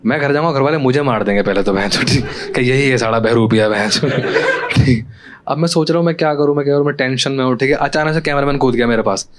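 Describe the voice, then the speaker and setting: A man's voice: medium pitch, fast talker. A young man performing stand-up comedy, telling a story in a casual, conversational way straight to the audience. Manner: conversational, addresses audience directly. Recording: clear background noise.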